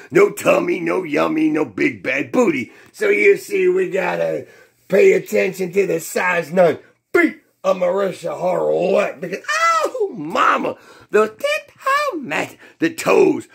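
A man delivering a rambling, excited fan rant, shouting and whooping as he goes. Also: high-pitched, vocal fry, slightly rough. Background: music.

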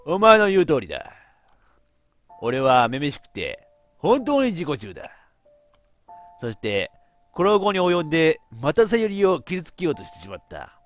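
Man reading a gruff remorseful delinquent boy. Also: a little high, huge pitch swings, moderate pace, pauses often, soft background music.

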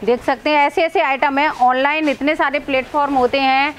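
A woman in her thirties with a high, steady voice hosts a business video, talking fairly quickly and cheerfully as she questions a seller and addresses viewers as friends. She's wearing a clip-on lapel mic inside a large indoor clothing warehouse.

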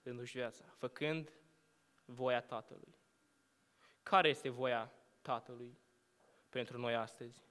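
Standing at a lectern microphone in a church hall, a young student preacher gives a sermon in a clear, bright voice of medium pitch and fairly even intonation. He poses measured rhetorical questions with a rise, then sinks each sentence to a hushed ending, while long reverb trails every phrase.

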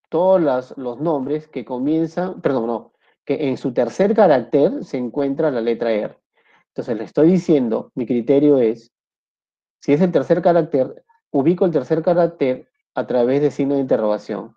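A man's voice: medium pitch, warm tone. A man with a Peruvian Spanish accent teaching a recorded Excel lesson, often repeating points and checking in with "correcto". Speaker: Excel instructor. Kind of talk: screen-recorded software tutorial. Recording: dull lo-fi mic.

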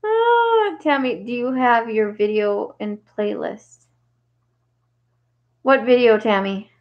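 Slow-talking woman chatting on a craft livestream. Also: mid-range voice, steady tone, dull audio. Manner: chatty, reading viewer comments aloud, frequent laughs. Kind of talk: casual livestream chat with viewers.

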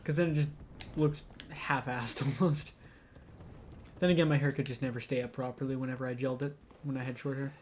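A man's voice: medium pitch, fairly even intonation, brisk. Chatty male co-host, joking let's-play commentary, faint room hiss. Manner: joking, rambling banter. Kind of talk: casual gaming chat.

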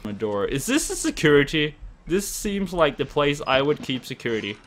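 A man streaming a horror game, chatting and cursing, yelping and shouting when startled. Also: fairly high pitch, very animated, normal speed, slight background noise. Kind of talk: gaming livestream commentary.

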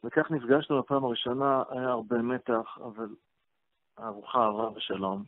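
A man, a rabbi and radio guest, telling a story from his past in an interview, halting with fillers as he goes. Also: mid-range voice, steady tone, no room sound. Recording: phone-line radio call, dry.

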